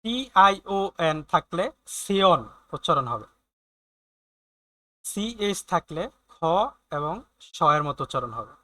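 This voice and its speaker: Bright-voiced man teaching German. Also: fairly high pitch, lively intonation. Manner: hesitant, many fillers and restarts; explains patiently, repeats sounds slowly. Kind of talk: online language lesson.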